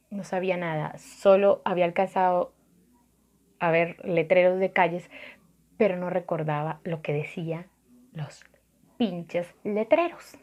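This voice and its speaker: A woman's voice: lowish voice, lo-fi sound. Colombian woman telling a story. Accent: Colombian Spanish. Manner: chatty, animated retelling with voiced quotes and soft asides. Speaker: vlogger. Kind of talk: casual storytelling.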